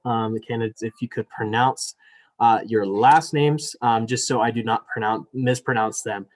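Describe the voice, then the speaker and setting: At a normal speed and mid-range pitch, a young male student elections director hosts a virtual debate by video call. He apologizes and chats, dropping plenty of fillers, and afterward turns formal to read the rules.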